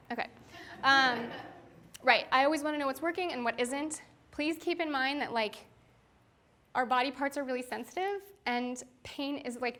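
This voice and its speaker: Frank chatty woman, high voice. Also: a bit bright. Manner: frank, chatty, many "like" and "um" fillers, laughs often. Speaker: speaker giving a talk. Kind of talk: candid conversational talk.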